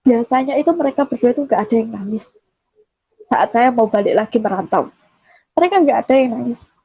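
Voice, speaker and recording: A woman's voice: on the high side, expressive, a little fast, slightly rough, dry recording. A woman from Java giving an earnest personal testimony, often quoting herself as she tells the story. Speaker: testimony giver. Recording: dull, dry recording.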